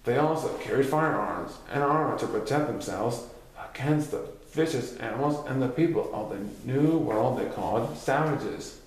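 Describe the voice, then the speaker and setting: A man narrates a written history story aloud, now and then stumbling over a word. His medium-pitched voice is animated and moves at a moderate pace, and the room is very echoey and reverberant.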